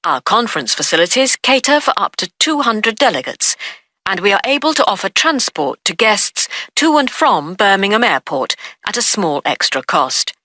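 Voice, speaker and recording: A woman playing a hotel information line announcer, reading a formal, promotional recorded phone message with clear enunciation. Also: medium pitch, very animated, normal speed, sharp tone. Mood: polished, promotional.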